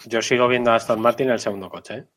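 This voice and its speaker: A man's voice: medium pitch, steady tone, quick pace, fairly bright tone. A man with a Castilian Spanish accent giving opinions casually as a motorsport podcast panelist, repeating points for emphasis. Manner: colloquial, emphatic repetition.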